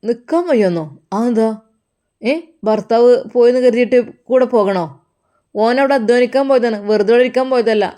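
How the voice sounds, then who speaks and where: Woman playing a blunt father, gruff, dismissive, Malappuram accent. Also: fairly high pitch, fairly even intonation, fairly quick, warm tone, close to an everyday voice. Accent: Malappuram Malayalam. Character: blunt practical father, man.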